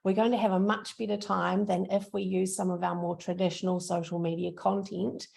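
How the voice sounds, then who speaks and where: A middle-aged woman with a broad New Zealand accent gives an informal online training talk in a chatty, encouraging, creaky voice. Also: mid-range voice, little pitch movement, a little fast, a little mellow. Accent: broad New Zealand (Kiwi). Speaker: social media trainer.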